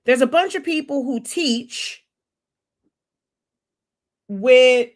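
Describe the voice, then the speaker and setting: High-voiced woman lecturing bluntly. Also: extremely slow. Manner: blunt, lecturing, searches aloud for words. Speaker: business mentor on a livestream. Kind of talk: unscripted live teaching monologue.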